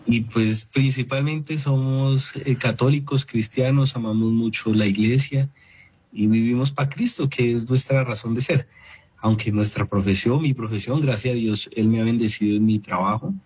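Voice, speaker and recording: A man in his thirties giving a relaxed, earnest testimony about his faith as a guest. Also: mid-range voice, moderate pace, slightly rough. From Colombia. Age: 30s.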